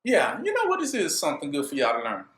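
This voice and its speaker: A man's voice: a little high, huge pitch swings, fast talker, a bit bright, echoey room. A man preaching a sermon, drawing his listeners in with rhetorical questions he leaves for them to finish. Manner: call-and-response rhetorical questions.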